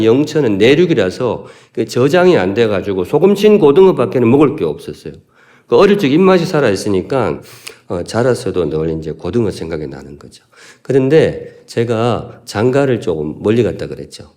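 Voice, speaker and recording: Korean guy pastor from gyeongsan, preaching, jokey and chatty, pitch bouncing all over, mellow tone. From Gyeongsan, North Gyeongsang, South Korea. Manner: folksy, humorous, asks the congregation questions. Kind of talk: sermon.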